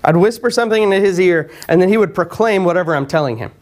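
A man preaching a sermon in a conversational way, often repeating words and clearing his throat. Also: sits high, lively intonation, quick pace, darkish tone. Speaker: pastor.

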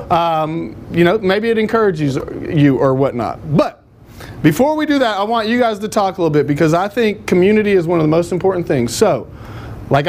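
A man's voice: high voice, slight background noise. A man teaching a church class in a casual, joking, rambling way. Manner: joking, rambling, self-deprecating.

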